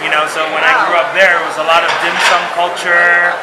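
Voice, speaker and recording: A man's voice: a little high, completely flat delivery, a little fast. A man who is a chef, talking in an interview, enthusiastic and rambling, with frequent restarts. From San Francisco Bay Area. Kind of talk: casual interview talk. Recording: echoey room with loud background noise.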